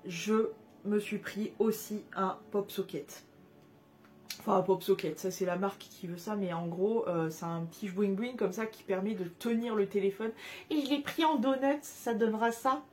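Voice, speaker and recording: Gushing about cute finds in a casual haul video, a young woman talks with lots of fillers and false starts. She speaks at normal speed, with a medium pitch and a darkish tone.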